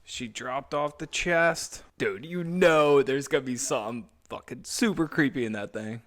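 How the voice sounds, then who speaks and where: A man giving casual, excitable commentary as he reacts to a movie, blurting out reactions and swearing. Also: medium pitch, normal speed.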